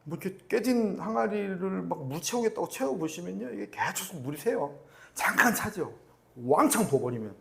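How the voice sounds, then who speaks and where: A man's voice: sits high, a little fast, vocal fry. A male pastor giving a Sunday sermon at a church service, often laughing and checking for agreement from the congregation. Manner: animated, acts out quotes in different voices; laughs often while preaching.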